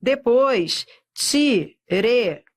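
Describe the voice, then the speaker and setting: Woman teacher, Brazilian Portuguese accent, fairly high voice, unhurried, drawn-out delivery. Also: lively intonation. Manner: slow, drawn-out spelling of words with frequent checks like "tá?". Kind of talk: recorded exam-prep lesson.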